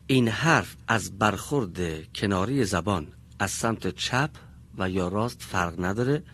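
A man teaching a classroom pronunciation lesson, speaking slowly and deliberately and drawing out each sound as he demonstrates it. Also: deep voice, a bit bright. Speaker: Quran recitation teacher. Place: classroom with students.

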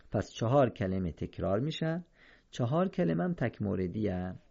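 A man teaching Quranic reading in a careful, explanatory lesson, slowing down when he quotes verses. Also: mid-range voice, gravelly, dark tone, highs cut off. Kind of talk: instructional lesson.

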